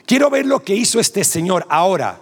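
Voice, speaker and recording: A man's voice: sits high, very animated, fairly quick. A man with a Rioplatense Spanish accent preaching a sermon, animatedly telling a story and acting out the dialogue, often with laughter. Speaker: pastor. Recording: long hall reverb.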